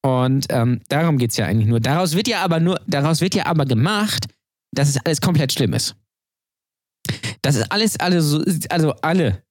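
A man rambles through his opinions on a podcast, packing his talk with fillers. His voice sits a bit high and sounds dry and close to the mic. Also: expressive, brisk, dry recording. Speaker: podcast co-host. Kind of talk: casual podcast banter.

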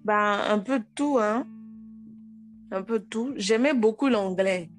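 Speaking a little slowly at medium pitch, a Togolese woman in her thirties with a French accent shares her own story as an interview guest. She's frank and animated, restarting often, in a casual setting. Soft background music can be heard.

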